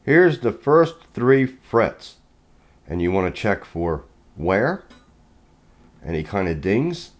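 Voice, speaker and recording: A guitar reviewer with a lowish, very animated voice gives a casual, hands-on product walkthrough. He inspects the guitar in a plainspoken, folksy way, explaining each check step by step at a slow pace with long pauses.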